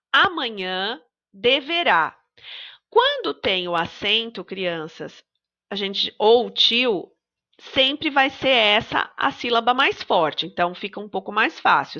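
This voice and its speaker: Brazilian woman teaching small kids on a home recording; bright voice, spells out words slowly, slightly muffled sound. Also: medium pitch. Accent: Brazilian Portuguese. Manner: slow, deliberate, stretches out example words. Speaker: primary school teacher. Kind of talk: recorded remote lesson for children.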